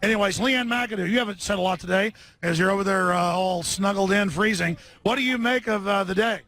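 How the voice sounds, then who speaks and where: A man's voice: high-pitched, fairly quick, fairly bright tone. A man hosting a live broadcast from an outdoor rally. He rambles sarcastically, sounds tired, and trips over his words. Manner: sarcastic, scattered, lots of restarts. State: short on sleep. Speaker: live-stream host.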